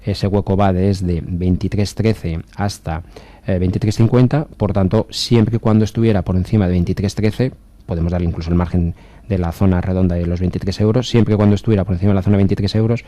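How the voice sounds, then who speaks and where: Low-pitched and warm, with a steady tone and no room sound, a male market analyst talks on a radio call-in show. He gives long, measured technical explanations of stock charts, full of hesitations and fillers.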